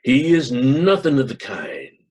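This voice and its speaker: Man acting a sly, hushed, hammy horse-trade shill. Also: wildly swooping pitch, a little slow, breathy edge, exaggerated voice. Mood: sly, confiding. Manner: hammy, dramatic confiding in a hushed low voice. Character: sly, confiding male horse-sale shill, falsely candid.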